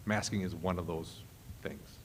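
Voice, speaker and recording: A man with a low voice explains things haltingly to a board. The sound is a reverberant hall with faint noise. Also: steady tone. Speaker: school official advising the board. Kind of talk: meeting discussion.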